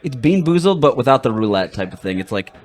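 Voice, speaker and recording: A man's voice: mid-range voice, sing-song, fast talker. A young man hosting a podcast in casual banter, playful and joking. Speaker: podcast host.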